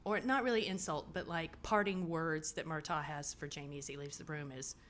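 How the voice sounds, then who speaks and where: A woman's voice: low voice, steady tone, brisk, fairly bright tone. Chatty swearing woman podcast host. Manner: chatty, swearing, laughing often. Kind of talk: casual recap chat.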